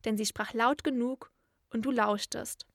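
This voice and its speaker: A woman's voice: a little high, fairly even intonation, unhurried, dry recording, clean studio sound. A woman voicing a wild little robber girl, blunt, bossy and threatening, in a storybook reading. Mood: brusque.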